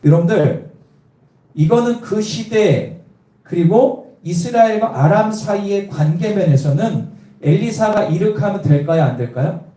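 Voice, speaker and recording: A male pastor with a high-pitched, warm, expressive voice preaches a sermon in a church at a slightly slow pace. He tells the story and quizzes the congregation with questions. The room is echoey and his voice sounds distant.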